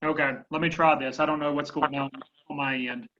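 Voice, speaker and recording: A man's voice: on the high side, steady tone, brisk, pushed and bright. A man chairing a conference call, talking hesitantly with many fillers over a crackly phone line that keeps breaking up.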